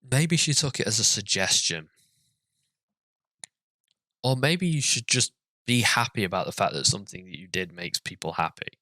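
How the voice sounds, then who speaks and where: A man's voice: fairly low pitch, animated, normal speed, long pauses, bright, forceful tone, no echo. A man giving profane, sarcastic commentary as he reads a story and rants about it. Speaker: comedic reader and commentator.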